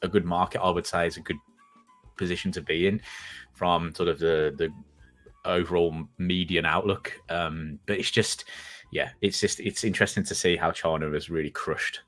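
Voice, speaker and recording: A man co-hosting a trading show, thinking aloud in a measured way with many fillers. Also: sits low, steady tone, fairly bright tone, faint music behind. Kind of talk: casual market chat.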